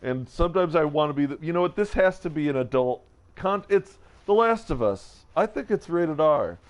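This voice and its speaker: A man's voice: fairly high pitch, expressive, normal speed. A man streaming a video game, rambling and joking about whatever comes to mind with self-mocking asides. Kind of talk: casual let's-play commentary.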